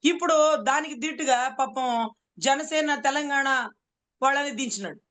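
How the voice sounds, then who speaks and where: A woman's voice: high voice, measured pace, a bit bright. A woman advocate giving heated political commentary, speaking rhetorically and repeatedly addressing her interviewer as "sir". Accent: Telugu.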